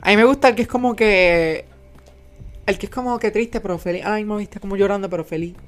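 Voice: medium pitch, fast, soft background music. A sleepy young adult chatting casually in Spanglish, slipping English words into Spanish. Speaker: podcast co-host. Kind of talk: casual chat.

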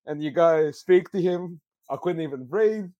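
A young man from Greece chats as a guest on a football podcast. He tells his story in an animated way, laughing often. His voice sits a little high, and the sound is close and dry. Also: normal speed, no room sound, highs cut off. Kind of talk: casual storytelling chat.

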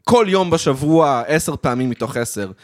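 Man, high voice, podcast guest, hesitant restarts, laughs while talking, dry close sound. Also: lively intonation, no echo. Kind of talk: casual chat.

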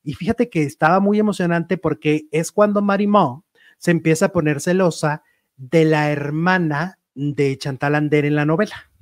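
Chatty man, higher voice. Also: moderate pace, no echo, clean studio sound. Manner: chatty, animated gossip, playful acted-out quotes. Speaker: show host. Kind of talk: casual entertainment chat.

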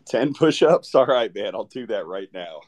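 A man hosting a casual live audio chat from a festival, relaxed and rambling. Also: lowish voice, moderate pace. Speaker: host. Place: festival event in Austin.

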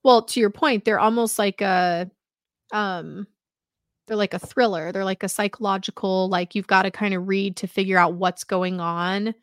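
A woman co-hosting a podcast, chatting in a relaxed way, often hesitating with filler words. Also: medium pitch, moderate pace, clear, resonant tone, dry recording, studio quality. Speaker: podcast co-host. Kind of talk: casual chat.

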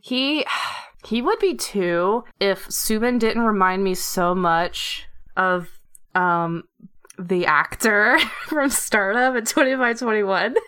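A woman's voice: medium pitch, slow, sharp tone, smooth. A young woman chatting loosely as a podcast co-host. She rambles, restarts her thoughts and laughs often. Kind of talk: casual chat.

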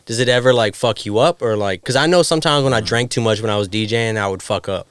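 A man's voice: fairly low pitch, fast, clean tone, dry recording, studio quality. A man hosting a podcast with a New York accent, laid-back and casual, backing up his guest with easy agreement. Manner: laid-back, lots of "yeah" and "word" backchannels. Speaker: podcast host. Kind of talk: casual chat.

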